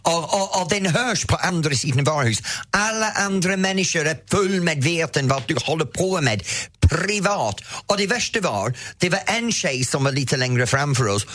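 A man's voice: on the high side, animated, a bit bright. A male radio host telling an exasperated story in a theatrical, emphatic way in a studio. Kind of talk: animated radio banter and ranting story.

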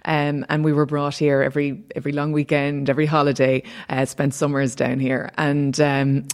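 A woman's voice: low voice, level tone, normal speed, darkish tone, clean tone. A woman with a Dublin Irish accent, chatting casually as an interview guest. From Ireland, Dublin. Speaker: panel guest, entrepreneur.

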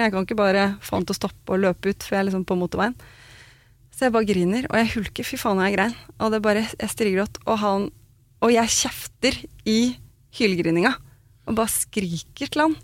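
This woman's voice is mid-pitched and recorded close and dry, without any echo from the room. She's chatting casually, telling her personal story with frank bluntness and a bit of mild cursing.

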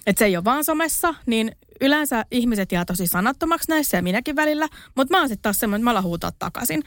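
A woman's voice: fairly high pitch, lively intonation, fairly bright tone, dry recording, clean studio sound. Frank, fiery young woman. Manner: frank and heated when telling stories. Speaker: podcast guest. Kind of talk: casual chat.

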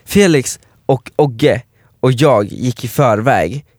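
A man's voice: medium pitch, no echo, studio quality. A young man, co-hosting a casual podcast and telling a story with lots of laughter and acted-out quotes. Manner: animated storyteller, laughs often, acts out quotes. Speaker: podcast co-host.

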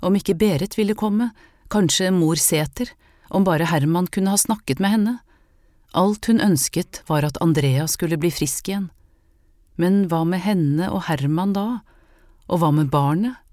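A woman narrating a novel as an audiobook in a calm, measured way. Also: lowish voice, no echo, studio quality.

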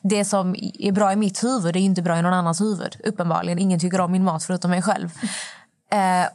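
A woman's voice: on the low side, steady tone, darkish tone. A woman guest in casual podcast chat, chatty and self-mocking.

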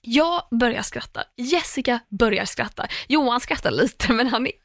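A young woman with a notably high voice tells a story in loose, casual chat, stumbling and restarting as she goes. Her voice is recorded close and dry, with no room sound. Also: no echo. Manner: animated storyteller, many fillers and restarts. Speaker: podcast host.

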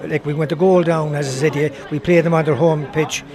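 A man's voice: on the high side, fairly even intonation, fast, a crowd in the background. An older Irish man reminiscing in a rambling, conversational way, telling anecdotes as a former footballer. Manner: rambling, conversational, repeats himself. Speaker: former footballer being interviewed.

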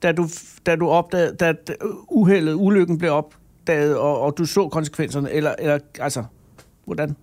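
Wry Danish co-host with quick quips. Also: male voice, fairly high pitch, steady tone, darkish tone. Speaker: podcast co-host. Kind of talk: casual chat.

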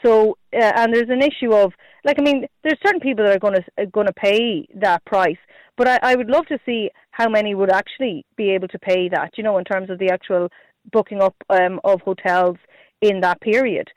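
A man from Galway, Ireland, with a west of Ireland accent, speaks in a high, fairly quick voice on a dry recording with the highs cut off. Answering as a party representative in a radio interview, he hesitates, repeats himself, and leans heavily on "you know" and "like".

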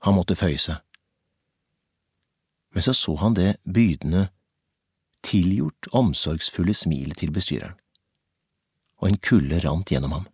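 A man narrating a novel as an audiobook in a measured, intense storytelling manner. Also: sits low, slightly rough, no echo, studio quality.

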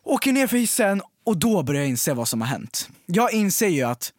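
Fairly high-voiced man telling a story. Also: no room sound, studio quality. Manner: storytelling, animated, laughs often. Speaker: podcast co-host. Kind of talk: casual chat.

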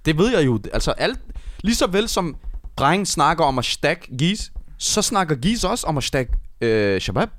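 A man's voice: on the high side, very animated, a bit bright, no echo. A man co-hosting a podcast, emphatic, steering the chat back on topic. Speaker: podcast co-host. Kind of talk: casual banter with slang.

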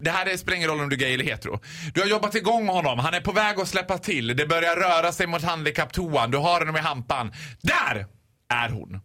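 A man who is a guest DJ on a morning radio show, telling comic stories in an animated way and acting out other people's voices. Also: on the high side.

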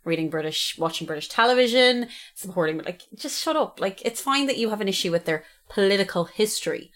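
A woman's voice: mid-range voice, expressive, fast talker, fairly bright tone. A young woman with an Irish accent chatting casually, opinionated and emphatic, repeating her points. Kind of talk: casual chat.

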